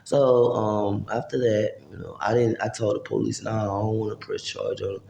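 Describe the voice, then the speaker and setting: A man's voice: on the low side, level tone, moderate pace, creaky, dark tone, reverberant, lo-fi sound, a little hiss or hum. A man, casually telling a long, profane, rambling story to camera and acting out what people said. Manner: rambling, profane street talk with acted-out quotes. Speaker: vlogger.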